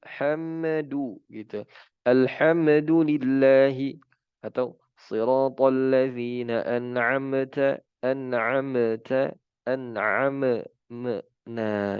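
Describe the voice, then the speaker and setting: Slow, clear-voiced male teacher. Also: mid-range voice, no room sound, highs cut off. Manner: slow, demonstrates words by chanting them, then explains. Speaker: Quran recitation teacher. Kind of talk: religious lesson explaining recitation rules.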